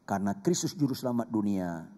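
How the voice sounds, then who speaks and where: A man's voice: lowish voice, expressive, a little fast, warm tone. A man with an Indonesian accent, a pastor preaching an emphatic, humorous sermon that repeats phrases for effect. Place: church. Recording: long reverb of a church hall.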